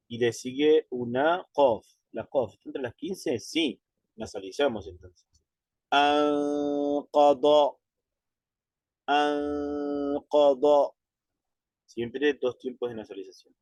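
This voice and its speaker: A man leads a step-by-step recitation lesson at an unhurried pace, patient and methodical. He checks in with his students and stretches out the sounds as he models them. His mid-range voice is recorded dry and close. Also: medium pitch, lively intonation, gravelly, a little mellow, no room sound. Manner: slows way down to model drawn-out pronunciations. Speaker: Quran recitation teacher.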